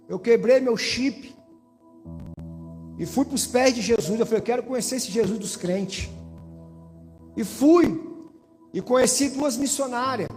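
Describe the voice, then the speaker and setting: A man's voice: very high voice, darkish tone. A man with a Brazilian accent from Espírito Santo, giving a testimony in an evangelical church and speaking directly to the pastor and the congregation. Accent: Brazilian Portuguese, Espírito Santo. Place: church hall. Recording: church hall reverb with faint music.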